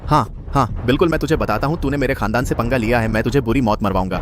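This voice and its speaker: A man's voice: mid-range voice, racing, background noise, natural voice. An actor dubbing an arrogant, jealous rich young man who insults and threatens his rival. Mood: contemptuous. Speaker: rival suitor. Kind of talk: Hindi dubbed short drama. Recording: dubbed voice with music behind.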